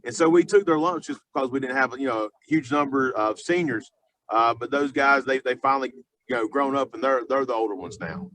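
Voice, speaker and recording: A male football coach talks through an unscripted sports interview. His voice sits at an average pitch, and his sentences come haltingly, padded with fillers and doubled-back phrases. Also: bright, forceful tone, rough recording. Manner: halting, filler-heavy, repeats and restarts phrases often. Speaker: high school football coach being interviewed.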